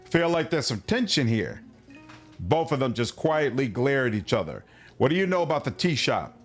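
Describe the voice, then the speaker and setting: A man's voice: medium pitch, big pitch swings, normal speed, faint music behind. A man streaming a role-playing game, reading its dialogue aloud and reacting wryly. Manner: wry, reacting and reading on-screen text aloud.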